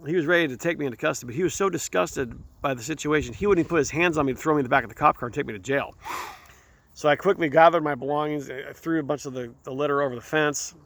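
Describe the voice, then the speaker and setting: A man hosting his own show, telling a candid personal story in a rambling, halting way, often repeating words. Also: fairly high pitch, creaky, a bit bright. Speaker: show host.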